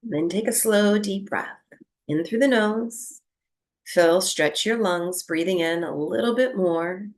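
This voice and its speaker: A woman's mid-range voice carries gentle, unhurried breathwork instructions for relaxation. She leaves long pauses between each phrase.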